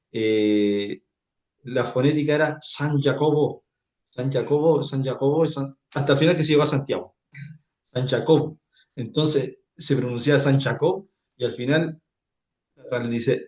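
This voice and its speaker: A man gives a classroom Bible lecture at a mid pitch. He repeats phrases and keeps checking that his students follow. The room around him is echoey. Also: darkish tone, dull audio. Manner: repetitive, asks "¿cierto?" often. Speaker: Bible teacher.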